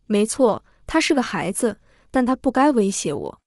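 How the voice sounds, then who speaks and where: Storybook villain, jealous young twin sister, cold and sneering, higher voice, dry sound, read by a woman narrator. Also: very animated, moderate pace, darkish tone, no echo.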